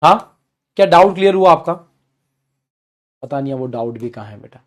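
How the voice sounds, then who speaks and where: A man teaching a live online class, answering student questions and repeating key points while sometimes acting out the parties in loud voices. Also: a little high, lively intonation, normal speed. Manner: repeats key phrases to drive points home.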